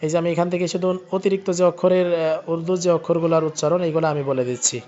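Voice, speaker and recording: A man teaching Urdu letters in a recorded lesson, reciting the sounds slowly one by one. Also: fairly high pitch, fairly even intonation, dark tone, dull audio. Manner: slow drilling recitation, pointing to a book page.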